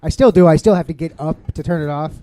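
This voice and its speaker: A man's voice: a little high, quick pace, warm tone, soft background music. A male radio host running a trivia game, joking and teasing his guests in casual banter. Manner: joking, teasing, laughs often.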